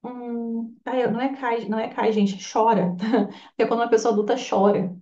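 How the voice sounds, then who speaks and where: A woman with a slightly high, dark voice teaches a Bach flower therapy course, speaking at a moderate pace in a level tone. Her informal lecture is chatty, full of tag questions and quoted voices. The distant lo-fi mic picks her up in an echoey room.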